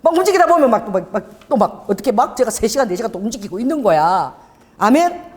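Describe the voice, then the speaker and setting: A middle-aged woman pastor preaching a sermon in an animated storytelling manner, with laughter and quoted voices. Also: on the high side, quick pace, in a large hall. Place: church sanctuary.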